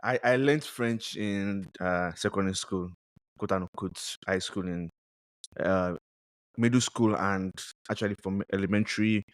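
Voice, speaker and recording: A man's voice: low voice, measured pace, no room sound, clean studio sound. A man hosting a podcast, chatty and hesitant, often restarting his sentences. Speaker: podcast host. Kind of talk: casual interview chat.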